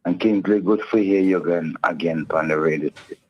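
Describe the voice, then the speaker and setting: Male radio caller, heard over the phone, low voice, rambling and friendly, dull lo-fi line. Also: brisk. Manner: rambling, friendly, repeats words. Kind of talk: casual call-in chat.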